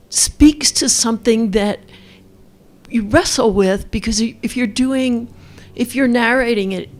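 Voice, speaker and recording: Creaky-voiced woman, enthusiastic and rambling. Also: a little high. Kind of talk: spontaneous literary discussion.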